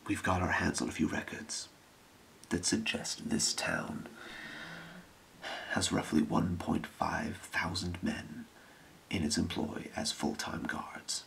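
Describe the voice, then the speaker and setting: A man in a whispered role-play, playing a scheming thieves' guild boss with a breathy, creaky whisper and a measured, secretive delivery. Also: low voice, fairly bright tone, a little hiss or hum, full character voice, poor audio. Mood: hushed, calculating.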